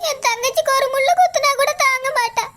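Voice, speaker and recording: Woman doing a worried cartoon big sister, whiny and pleading, super high and sharp. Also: fast talker, slight background noise. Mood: distraught. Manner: lamenting, pleading. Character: elder sister Saroja, young woman, anxious and tearful. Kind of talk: cartoon voice acting.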